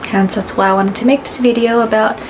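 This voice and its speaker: A woman's voice: fairly high pitch, fairly quick, low-quality recording. A young woman from Fiji chatting casually to camera as a travel vlogger, rambling with lots of fillers and self-corrections. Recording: steady background noise.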